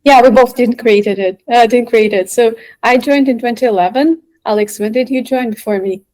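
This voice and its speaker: A woman's voice: on the high side, normal speed, a little mellow, rough recording. A woman telling her story casually in an interview, in an informal, chatty way. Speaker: software engineer, interview guest.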